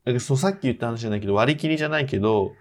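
A man co-hosting a podcast in casual chat, talkative and quick with short agreeing nods. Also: mid-range voice. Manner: chatty, reacts with short nods. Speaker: podcast co-host.

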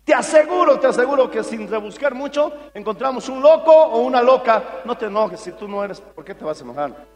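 A male pastor preaching a sermon in an animated storytelling way, acting out what people said. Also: very high-pitched, a little fast. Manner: animated storytelling, acts out quotes. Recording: reverberant hall with faint music.

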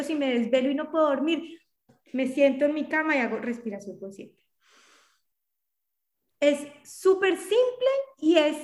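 A middle-aged woman psychologist speaks earnestly and explains step by step, often restarting her sentences. Her voice sits fairly high and carries a roomy echo. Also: a little mellow. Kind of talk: conversational interview explanation.

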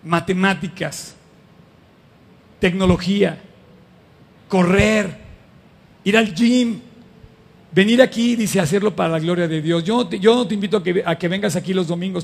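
Middle-aged pastor, husky gravelly voice, chatty sermon that keeps questioning the room. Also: male voice, high-pitched, moderate pace, pauses often, big-room sound. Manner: animated and conversational, addresses the audience with questions. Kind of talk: lively sermon to a live congregation.

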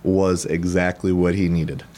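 A man's voice: deep voice, flat delivery, a little slow, dark tone. A man co-hosting a podcast, chatting casually and making teasing, matter-of-fact remarks. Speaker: podcast co-host. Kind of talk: casual chat.

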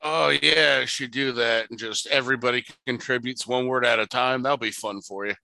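A man's voice: medium pitch, fairly even intonation, moderate pace, creaky, sharp tone, no echo, low-quality recording. A man co-hosting a podcast in casual chat, crude and joking, laughing often. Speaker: podcast co-host.

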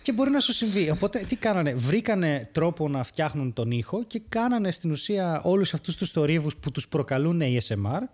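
A man co-hosting a podcast in casual chat, animated and often laughing at his own stories. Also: fairly high pitch, few pauses. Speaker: podcast co-host.

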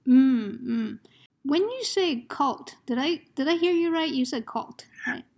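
A woman's voice: high voice, animated, measured pace, gravelly. A woman hosting a poetry podcast, reading announcements and asking questions attentively. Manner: attentive, soft listening murmurs. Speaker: podcast host.

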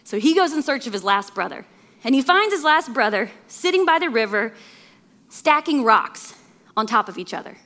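A woman guest preacher telling a story in a sermon, lively and chuckling often. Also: high-pitched, normal speed.

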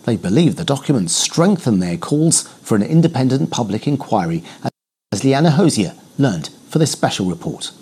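A man's voice: mid-range voice, very animated, moderate pace, darkish tone, slightly rough. A man presenting scripted regional television news as the anchor.

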